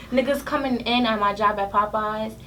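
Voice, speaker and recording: A young woman, a podcast guest telling stories in slangy, laughing casual chat. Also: a little high. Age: young adult. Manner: animated storytelling full of slang and laughter. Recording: distant mic with faint room noise.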